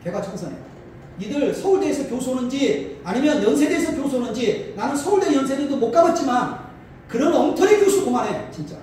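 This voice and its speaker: Male pastor from Chungcheong, combative lecturer, pitch swings widely, captured from afar in a very echoey hall with faint noise. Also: expressive, brisk, a little mellow, recorded from a distance. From Chungcheong, Korea. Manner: combative, rhetorical questions, repeats phrases. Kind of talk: political lecture to an audience.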